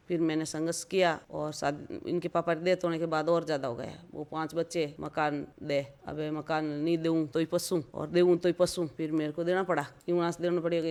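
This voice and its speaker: A woman in her fifties with a Marwari accent and a smooth, resonant voice. She tells personal stories in an interview, plain-spoken and often repeating phrases for emphasis. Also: low voice, a little mellow. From rural Rajasthan, India. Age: 50s. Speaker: interview guest.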